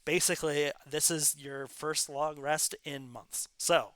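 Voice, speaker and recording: Guy running a tabletop game, slow and bright, lots of ums. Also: fairly high pitch, smooth, no room sound. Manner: relaxed, lots of fillers and laughs. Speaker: game master.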